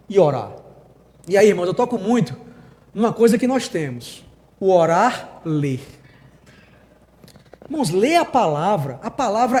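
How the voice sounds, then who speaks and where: Brazilian male preacher, informal sermon, very high and animated, long church-hall reverb. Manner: informal, keeps addressing the congregation as brothers. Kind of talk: conversational sermon.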